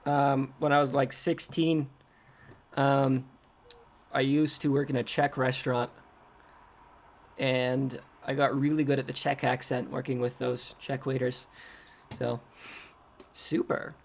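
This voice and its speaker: A crypto trading streamer chats casually on his livestream, rambling and poking fun at himself as he reacts to what's on his screen. His medium-pitched voice barely moves in pitch, comes out slowly with vocal fry, and is broken by long pauses.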